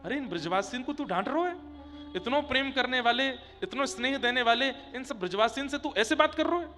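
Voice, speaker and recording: A male preacher voicing a loving, worried mother, speaking softly and tenderly. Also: extremely high pitch, lively intonation, a little fast, heavily acted. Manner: soft, tender, fussing. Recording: long hall reverb with faint music.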